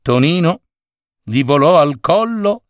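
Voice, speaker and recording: A man reading a children's story aloud in an expressive, unhurried way. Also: on the high side, no room sound, clean studio sound. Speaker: narrator.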